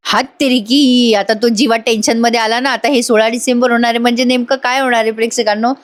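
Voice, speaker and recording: A woman's voice: a little high, level tone, fast. A woman giving a chatty voice-over recap of a TV serial, laughing and talking straight to viewers. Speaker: TV serial reviewer. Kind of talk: casual voice-over episode recap. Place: voice-over recording.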